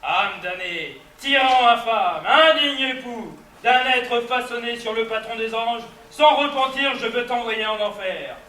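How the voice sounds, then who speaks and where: A passionate young nobleman in tragic melodrama. His high, bright voice declaims verse with oratorical fervour, in an echoey, distant recording. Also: unhurried. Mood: outraged, defiant. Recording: roomy, distant, faint noise.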